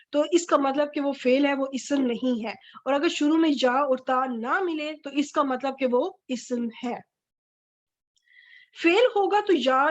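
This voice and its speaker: High-voiced woman teaching grammar, patient. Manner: patient, repeats verb forms slowly and stresses endings. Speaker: Quranic Arabic grammar teacher. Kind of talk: recorded online grammar lecture. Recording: dull lo-fi recording.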